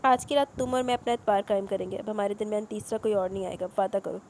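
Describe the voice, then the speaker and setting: A woman voicing a tender young businessman husband, speaking softly and lovingly in a storybook reading. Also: medium pitch, steady tone, quick pace, slight background noise, lightly acted, low-quality recording.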